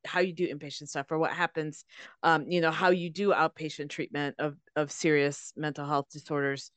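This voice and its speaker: A woman co-hosting a podcast, talking in a relaxed, thoughtful way. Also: low voice, clean tone, dry recording. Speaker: podcast co-host. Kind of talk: casual podcast chat.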